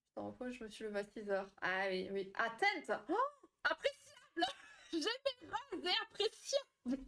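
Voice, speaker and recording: A young woman chatting casually with viewers on a live stream, laughing often and answering their comments. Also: high-pitched. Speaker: live stream host, therapist.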